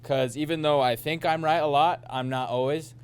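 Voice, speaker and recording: A man answering panel questions in a thoughtful, measured way. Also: fairly high pitch, steady tone, clear, resonant tone.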